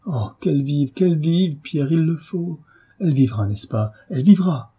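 A man's voice: mid-range voice, a little slow, mellow, husky. A man voicing a young man desperate with love, his speech pleading and breaking with emotion.

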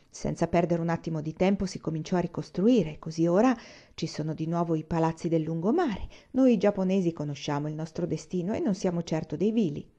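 A woman reading a novel aloud in a calm, even storytelling voice, voicing the dialogue lightly. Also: low-pitched, creaky. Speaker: reader.

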